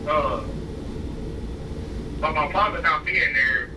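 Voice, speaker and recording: A man's voice: on the high side, takes it slowly. A man from Ohio, calling in from prison on a phone line, talking in a slangy, laid-back way with lots of fillers. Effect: heard over a prison phone line. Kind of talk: casual interview. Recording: distant echoey phone call with clear noise.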